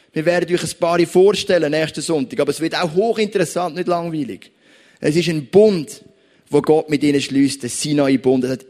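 A man's voice: a little high, darkish tone. A man with a Swiss German accent preaching a sermon, speaking conversationally and addressing the listeners directly. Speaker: pastor.

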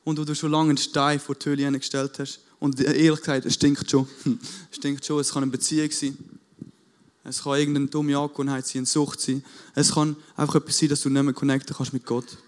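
A male preacher at a church stage mic, speaking at a middling pitch. He preaches with fervor, slips English buzzwords into casual talk, and surges into loud, quick appeals to the crowd. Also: little pitch movement. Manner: fervent, rising to loud appeals with quick bursts. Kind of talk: sermon.

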